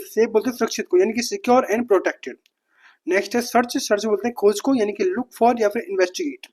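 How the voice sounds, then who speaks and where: A teacher working through a rapid-fire vocabulary list in a steady, matter-of-fact rhythm. Each word gets named, repeated once, then glossed, with quick self-corrections on the fly. The pitch sits right in the middle. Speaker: exam-prep vocabulary teacher.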